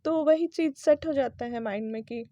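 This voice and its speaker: Lady teacher, spells words out letter by letter, kinda high mellow voice, dry close sound. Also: normal speed, no room sound. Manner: explains patiently, spells words letter by letter, often asks "right?". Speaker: English pronunciation teacher. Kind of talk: casual classroom explanation.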